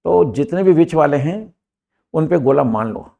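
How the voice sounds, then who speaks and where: Older man, Indian accent, gravelly, slightly high voice, emphatic classroom teacher. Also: expressive, unhurried, dark tone, dull audio. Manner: emphatic, rhetorical questions. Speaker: English teacher. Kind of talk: classroom lesson.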